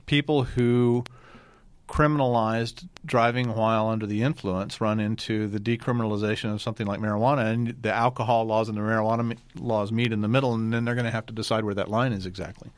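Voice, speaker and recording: A man on a political podcast panel, explaining points in a wry, casual way and dropping low at the ends of phrases. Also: fairly even intonation, fast talker, smooth, dry recording.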